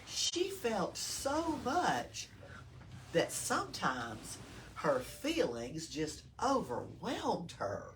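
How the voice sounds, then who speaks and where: Her voice lowish, a Southern US woman leads library storytime, reading a picture book to kids with lots of expression. She stops now and then to quiz her young listeners. The mic sits far off, so room noise comes through clearly.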